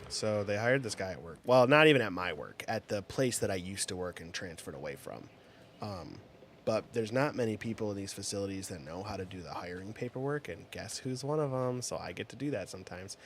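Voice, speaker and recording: A man's voice: on the low side, expressive, brisk, a little hiss or hum. A man in his twenties chatting casually on a livestream, telling rambling, profane stories with lots of filler words. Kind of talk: casual chat.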